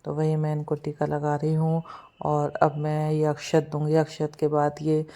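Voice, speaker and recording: Woman vlogger, casual voice-over, low, steady and chatty. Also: normal speed. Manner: chatty, retells events and acts out quotes.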